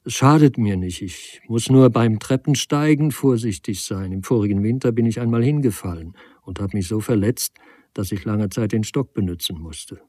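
A man's voice: fairly low pitch, moderate pace, warm tone, no room sound, lightly acted. A man reading a frail, humble man in his forties who stammers and apologizes. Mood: earnest. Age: 40s. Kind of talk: audiobook character reading.

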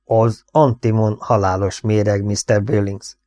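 Brisk vet boss, read by a man: curt, commanding, low and mellow. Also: fairly even intonation, close to an everyday voice.

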